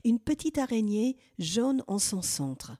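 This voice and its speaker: Slow, hushed woman narrating a meditative journey. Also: a little high, sing-song. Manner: slow, hushed, dropping at times into a whisper. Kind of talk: first-person guided meditative journey. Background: faint music.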